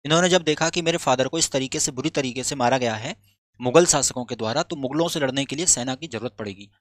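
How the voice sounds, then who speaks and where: A man's voice: mid-range voice, quick pace, no echo. A male teacher giving an exam-prep history lecture, who keeps asking questions and answering them himself and checks whether his listeners have understood.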